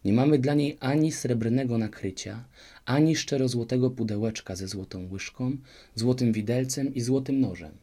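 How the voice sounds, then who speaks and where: A man reading a hushed worried queen. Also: mid-range voice, normal speed, pitched above the performer's own voice, natural voice. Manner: hushed and anxious. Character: worried gentle storybook queen.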